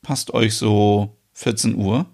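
A man's voice: lowish voice, steady tone, takes it slowly, vocal fry, a little mellow. A man playing a friendly young baker. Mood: eager.

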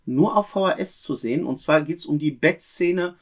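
A man's voice: on the high side, normal speed. Earnest man sharing film trivia. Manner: earnest, detail-loving, explains trivia. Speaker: podcast co-host. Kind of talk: casual chat about films.

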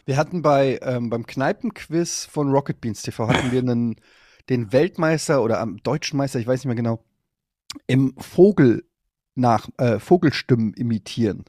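A man's voice: mid-range voice, normal speed, mellow, no room sound, clean studio sound. A man co-hosting a casual chat podcast, telling rambling stories and teasing the others. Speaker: podcast co-host.

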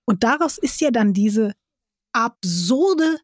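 Woman, podcast co-host, expressive casual chat, higher pitch, dry sound. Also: slow, dry recording. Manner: expressive, acts out quotes in put-on voices.

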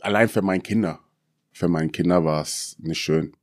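A man's voice: low-pitched, normal speed, no echo, clean studio sound. A middle-aged man, a former footballer, telling a story as an interview guest and acting out the quoted dialogue in it.

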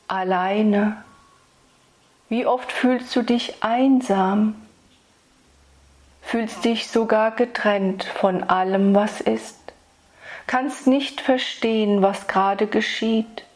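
A woman speaking as a spiritual meditation guide, soothing and intimate, addressing the listener solemnly and tenderly with long pauses. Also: on the high side, steady tone, a little mellow. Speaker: spiritual meditation guide delivering channeled messages.

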